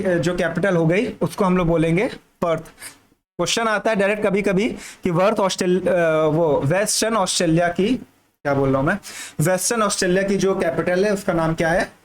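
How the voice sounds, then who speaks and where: High-voiced man teaching exam prep. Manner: repetitive, checks in with "thik hai" constantly; drawls key terms slowly. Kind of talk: general studies lesson over a map.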